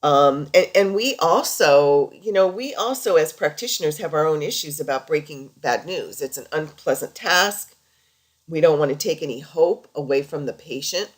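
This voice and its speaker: A woman's voice: low-pitched, expressive, moderate pace. A woman lecturing over slides in an informal, conversational and explanatory way, as a healthcare practitioner teaching.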